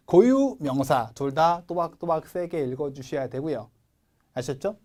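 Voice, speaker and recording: Animated Korean-accented male teacher. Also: high voice. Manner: emphatic, drills pronunciation by reading words slowly for repetition; asks questions and answers them himself. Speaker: English test-prep teacher. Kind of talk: recorded lecture.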